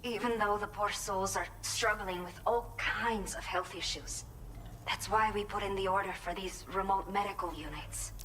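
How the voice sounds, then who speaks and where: An actress voicing a pregnant former bandit woman with a Mexican accent in a video game, earnest and measured. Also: mid-range voice, fairly even intonation, a bit bright, slight background noise, lightly acted, poor audio. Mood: troubled. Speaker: game character giving delivery orders.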